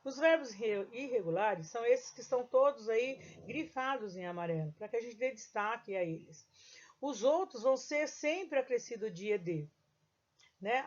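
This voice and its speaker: A woman who speaks Portuguese natively, teaching English grammar in a recorded lesson. She explains patiently, reads the English example sentences slowly and keeps checking that the listener is following. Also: a little high, darkish tone. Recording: dull lo-fi recording.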